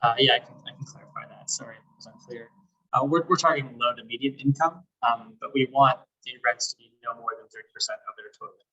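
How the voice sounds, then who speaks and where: A man's voice: mid-range voice, wildly swooping pitch, fast, sharp tone, husky, recorded from a distance. A man from a design team answering questions on a video call with a faulty mic. He sounds muffled and hollow, as if inside a fishbowl, and talks hesitantly with many fillers. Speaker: design team member presenting. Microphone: faulty video call microphone. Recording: dull, muffled lo-fi call audio.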